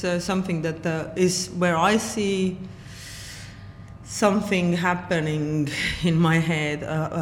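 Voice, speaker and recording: Speaking with an Estonian accent, a woman from Estonia in her forties fields interview questions about her work as a saxophonist. Her lowish voice comes out halting and thoughtful, full of fillers, in a hall with long reverb and faint noise.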